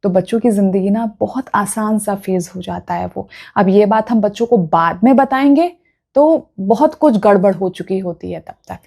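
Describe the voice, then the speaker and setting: A woman's voice: medium pitch, moderate pace, gravelly, mellow. A woman vastu consultant giving earnest, instructive advice straight to her viewers, often checking that they follow. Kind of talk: direct-to-camera advice talk.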